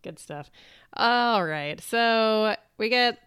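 A woman's voice: on the high side, expressive, drawn-out words, a bit bright, clean tone, no echo, clean studio sound. A woman co-hosting a podcast, recapping episodes in casual chat and laughing often. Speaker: podcast co-host.

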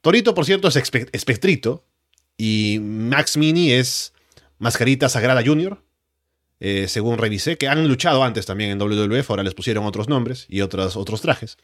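A man recapping and reviewing wrestling as a show commentator, in a measured, matter-of-fact way. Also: mid-range voice, no echo, studio quality.

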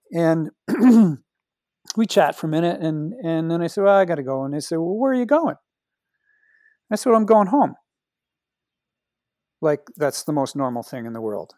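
A Canadian man speaking as a podcast guest, thoughtful and soft-spoken, telling stories with many restarts. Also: a little high, dry recording, clean studio sound. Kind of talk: reflective conversation.

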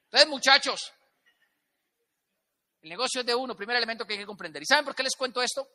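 A man's voice: very high-pitched, lively intonation, fast talker, sharp tone. A man giving an emphatic motivational talk on stage, firing rhetorical questions at the audience. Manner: emphatic, rhetorical questions, acts out little dialogues. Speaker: motivational business speaker. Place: large event hall with a live audience. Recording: long hall reverb.

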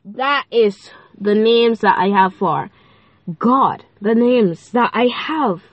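A teenage girl with a lilt hosts a casual faith podcast, chatting in a bubbly, playful way with lots of fillers and giggly asides. Her voice is a little high and slow, stuffy and nasal from a cold. Recorded close up in a dry, dead space, the sound is dry and lo-fi.

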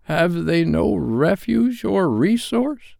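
A man voicing an old miserly man, asking anxious, slow, imploring questions. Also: mid-range voice, sing-song, vocal fry, dry recording, studio quality, voice pushed up, heavily acted. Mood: fearful.

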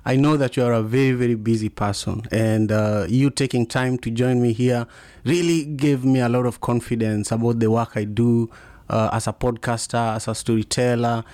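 A man with a strong Kenyan accent hosts a conversational podcast. He grew up speaking Luo and Kiswahili, and his voice sits at a middle pitch in a dry, close recording. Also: fairly even intonation, moderate pace, darkish tone, no echo. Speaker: podcast host. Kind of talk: casual conversational interview.

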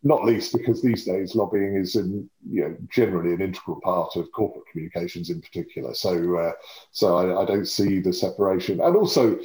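A man in his fifties speaks in a low voice with a home counties English accent. He talks conversationally as an interview guest, articulate but often hedging and correcting himself, and the room around him sounds echoey. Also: brisk, darkish tone. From Surrey, England. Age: 50s. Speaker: interview guest, lobbying and communications professional.

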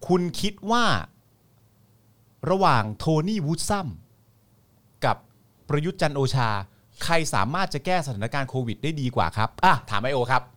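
Young guy on a live stream, kinda high voice, super lively, jokey, swears a bit. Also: moderate pace, long pauses. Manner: joking, animated, laughs often, swears casually. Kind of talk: casual live chat reading comments.

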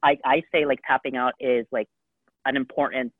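A man co-hosts a laid-back podcast chat, wandering through his thoughts with a steady stream of "like" and "um". His voice sits at an ordinary middle pitch. The sound is narrow and phone-like, with no room echo at all. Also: normal speed. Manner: rambling, heavy use of "like" and "um". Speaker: podcast co-host. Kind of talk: casual chat. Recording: tinny phone-like dry sound.

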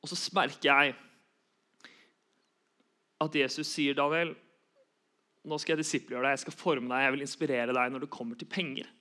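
A man's voice: mid-range voice, steady tone, pauses often, sharp tone. A young man giving an earnest sermon, repeating key phrases for emphasis. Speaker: preacher.

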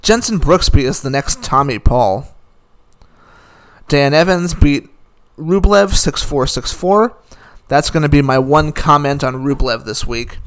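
A man's voice: on the high side, expressive, a little slow. A man giving a casual, opinionated recap of the day's tennis results, rattling off scores with dry asides. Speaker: tennis commentator.

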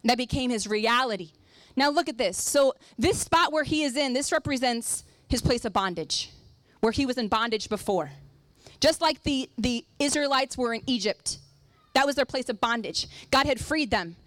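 A woman preacher with a high voice talks through a sermon illustration. She is emphatic and circles back on phrases to drive them home. The sound is dry, with little room on it. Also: lively intonation, normal speed, a bit bright, dry recording.

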